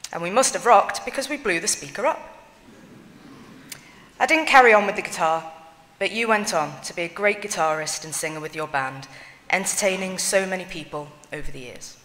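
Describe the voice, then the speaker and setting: A woman's voice: on the low side, expressive, fairly bright tone. Woman reading eulogies in a reverberant church. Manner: measured, solemn reading. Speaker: reader of family tributes at a funeral. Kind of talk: reading written eulogies aloud.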